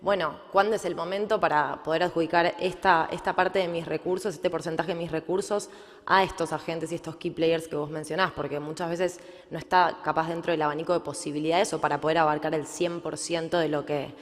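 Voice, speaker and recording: A woman's voice: low voice, steady tone, brisk. A woman moderating a conference panel, asking questions conversationally. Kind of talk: panel discussion. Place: conference hall. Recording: long hall reverb.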